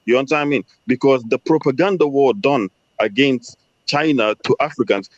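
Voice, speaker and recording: A man's voice: mid-range voice, brisk, no echo, lo-fi sound. A man lecturing on geopolitics, emphatic and fond of rhetorical questions. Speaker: discussion participant. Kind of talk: lecturing commentary.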